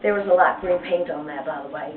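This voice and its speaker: A woman's voice: sits low, quick pace, heavy background noise. A woman teaching a painting lesson, chatty and playful, retelling a story in slang, recorded tinny and far from the mic in an echoey room. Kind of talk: casual art lesson with storytelling.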